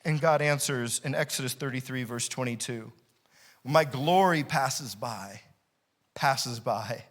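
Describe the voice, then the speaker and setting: A man's voice: medium pitch, fairly bright tone. A man preaching a sermon as pastor, repeating key phrases and building intensity, sometimes laughing as he explains. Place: church sanctuary.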